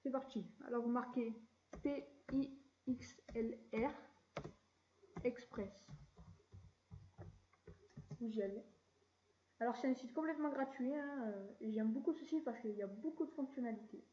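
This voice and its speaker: A woman hosting a casual screen-recorded software tutorial, chatty and relaxed, with mild slang. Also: a little high, fairly quick, lo-fi sound. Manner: chatty, relaxed, keeps saying "voilà" and drops mild slang. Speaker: tutorial channel host.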